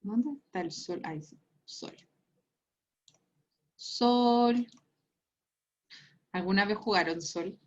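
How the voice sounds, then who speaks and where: A woman's voice: medium pitch, slow pace, long pauses, a little mellow, dull audio. A Chilean woman teaching a science class online, reviewing a quiz with a playful, teasing manner and frequent laughter. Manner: teasing, laughs often, explains patiently.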